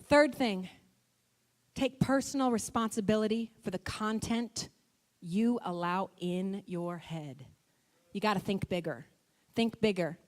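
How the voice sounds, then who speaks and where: A woman giving a motivational church talk, emphatic and repetitive, with quick bursts of speech. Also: mid-range voice, darkish tone. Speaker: motivational speaker. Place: church hall. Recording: long church hall reverb.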